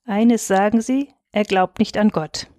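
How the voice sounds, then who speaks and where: A shy village elder reluctantly tells what he has seen, as a woman reading aloud puts him on. His halting account has a medium pitch. The voice is dry and close, like a storybook reading. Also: warm tone, no room sound, natural voice. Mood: hesitant. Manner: hesitant, halting.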